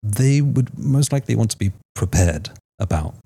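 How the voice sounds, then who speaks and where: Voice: mid-range voice, animated, moderate pace, vocal fry, mellow, a little hiss or hum. A podcast host interviewing a guest, with eager, encouraging interjections.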